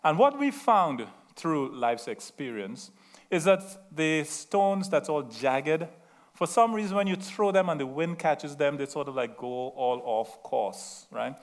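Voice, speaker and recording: Animated and fairly high, a little on the slow side, this middle-aged man speaks with a Trinidadian accent while giving a sermon packed with stories and asides. He's chatty and self-deprecating, regularly asking "right?"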